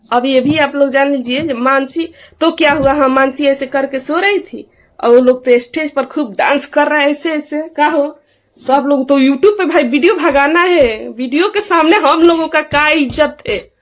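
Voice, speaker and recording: A woman's voice: high voice, normal speed. A middle-aged woman, speaking as an aggrieved mother in a casual vlog. She talks emphatically and keeps asking those around her to back her up. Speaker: mother airing a family grievance.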